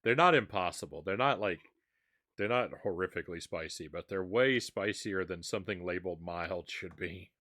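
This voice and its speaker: A man's voice: sits low, normal speed, sharp tone. A man hosting a live stream, chatting casually with viewers and sighing as he eats spicy snacks. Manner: chatty, sighs and reacts while eating spicy seeds.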